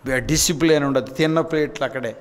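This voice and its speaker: A man preaching a sermon, moving from quiet storytelling to stretched-out shouted emphasis and quizzing the congregation for answers. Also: mid-range voice, fast talker. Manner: asks the congregation questions and calls on them to answer.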